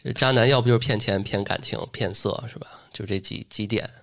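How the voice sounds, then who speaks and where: A man's voice: fairly low pitch, fairly even intonation, fairly quick, gravelly, fairly bright tone. A man hosting a podcast, chatting casually and backing up his guests with short replies. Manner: affirming listener, frequent short replies. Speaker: podcast host.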